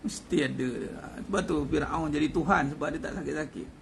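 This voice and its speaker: A man's voice: on the high side, fast talker, gravelly, slight background noise. A man giving a casual religious talk, chatty, repeating his phrases and chuckling often. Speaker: religious teacher.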